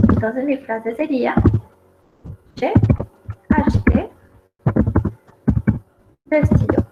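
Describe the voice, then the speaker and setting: A woman teaching a French lesson in Spanish, explaining each example step by step and repeating it. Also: high voice. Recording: echoey room, dull lo-fi audio, noisy.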